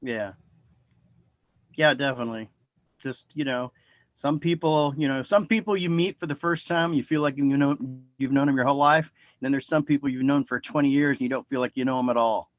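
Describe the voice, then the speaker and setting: A man's voice: medium pitch, a little fast, no echo, highs cut off. A man guest on an interview show, talking in an easygoing, laid-back way. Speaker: guest guitarist. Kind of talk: casual interview chat.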